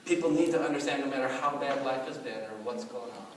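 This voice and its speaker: A middle-aged male pastor giving a sermon in an animated, conversational storytelling way, with many asides. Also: medium pitch, fast. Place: church hall. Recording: echoey hall, mic far off, faint noise.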